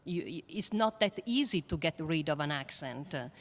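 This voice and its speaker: Earnest woman, low voice. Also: lively intonation. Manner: earnest, halting, with many fillers and repeats. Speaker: scientist on a panel. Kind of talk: panel discussion remarks.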